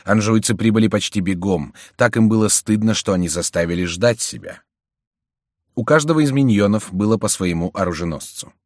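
A man's voice: on the low side, a little fast, no room sound, clean studio sound. A man reading a historical novel aloud as an audiobook, giving every character a voice. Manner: expressive, voicing every character. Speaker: audiobook reader. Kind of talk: dramatic literary narration.

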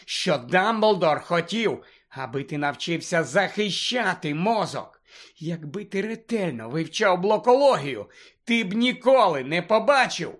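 Brief: a man voicing a worried clever teen girl, pleading, lively rising pitch. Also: a little slow, exaggerated voice. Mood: hissing. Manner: hissing, pleading. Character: anxious, insistent teenage girl, pleading.

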